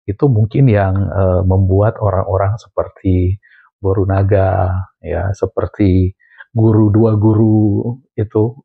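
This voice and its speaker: A man's voice: fairly low pitch, slightly rough, no room sound. A man from Indonesia hosting a vlog, giving emphatic commentary on video clips and repeating his points. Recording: tinny phone-like sound.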